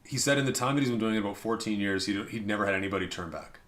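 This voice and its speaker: A man's voice: on the low side, very fast, a bit bright. A man from Canada, a podcast guest chatting casually, telling stories with dry jokes and trailing asides. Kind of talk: casual chat.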